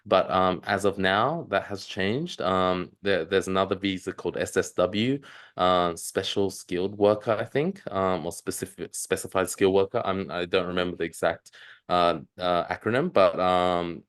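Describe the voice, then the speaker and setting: A man in his thirties with a low voice, raised in Australia, hosts a live online presentation. He talks in a hesitant way, filling his pauses with ums and uhs as he reads the chat. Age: 30s. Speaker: webinar presenter.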